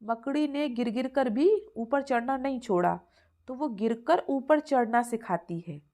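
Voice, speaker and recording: Woman teacher, slightly high voice, patient and repetitive, explaining to small children. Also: unhurried, warm tone. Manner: patient, repeats answers and calls the listener "beta". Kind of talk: explaining exam answers to young children.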